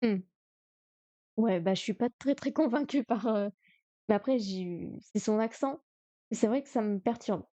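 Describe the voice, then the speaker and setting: Woman streamer, mellow and dry-sounding, talks through a lesson hesitantly, full of fillers. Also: fairly high pitch, measured pace, long pauses, no echo. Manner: thinks aloud, hesitant, many fillers. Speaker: streamer learning Chinese. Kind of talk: live-streamed study session.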